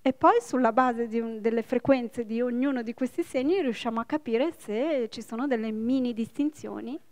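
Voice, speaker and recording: A woman in her forties gives a public lecture in a library hall. Her voice sits fairly high, and she explains things step by step with quick, lively asides to the people listening. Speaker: linguist giving a public talk. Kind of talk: public lecture with audience questions.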